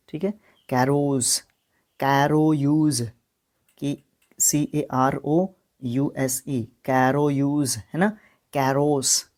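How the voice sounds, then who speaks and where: A man from Haryana with a Haryanvi accent, teaching English vocabulary in a recorded exam-prep lesson. He mixes Hindi and English, reading each word slowly and spelling some out letter by letter. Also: medium pitch, dark tone. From Haryana, India. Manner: reads words slowly and spells them out, mixing Hindi and English.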